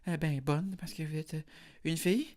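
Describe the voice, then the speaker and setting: A young man with a Quebec French accent, hosting a podcast as a deadpan mock interview, rambling with many hesitations. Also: fairly high pitch, normal speed. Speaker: podcast host.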